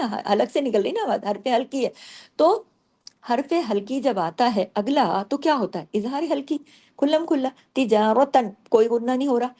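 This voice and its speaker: A woman with a fairly high voice teaches recitation, splitting each word into its syllables and saying them again and again. She asks herself why and answers at once, in the steady way of a patient teacher. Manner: breaks words into syllables and repeats them slowly; asks and answers her own questions. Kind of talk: tajweed lesson explaining pronunciation.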